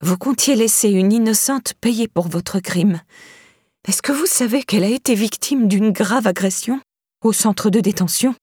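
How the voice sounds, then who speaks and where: A woman's voice: medium pitch, unhurried, warm tone, breathy edge, no room sound, studio quality, voice pushed up. A woman voicing an older neighbour with a firm, insistent, accusing manner. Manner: insistent, pressing.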